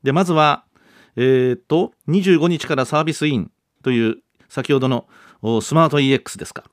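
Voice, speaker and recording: A man's voice: medium pitch, a little fast, no room sound, clean studio sound. A man in his fifties hosting a radio show, reading listener mail in a chatty, polite, self-deprecating way. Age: 50s. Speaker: radio host.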